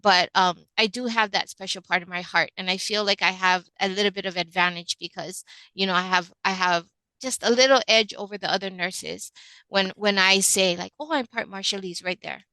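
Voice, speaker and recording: Chatty nurse from Hawaii. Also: female voice, mid-range voice, steady tone, normal speed, bright, forceful tone, dry recording, poor audio. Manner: chatty, laughing asides. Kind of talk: webinar panel answer.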